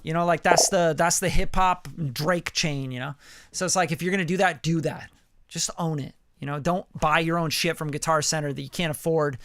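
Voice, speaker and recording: A man in his late thirties giving a casual live song critique as a music producer, animated and profane, full of "like" and "you know.". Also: fairly high pitch, fairly quick, slight background noise. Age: late 30s. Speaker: music producer reviewing listener songs.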